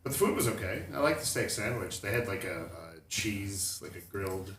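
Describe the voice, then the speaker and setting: A man with a low voice describes his week on a podcast, halting and restarting as he hunts for the right word. The sound is roomy and echoey, with a faint wash of background noise. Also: animated, fairly bright tone. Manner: hesitant, full of restarts and fillers. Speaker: podcast co-host. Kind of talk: casual chat.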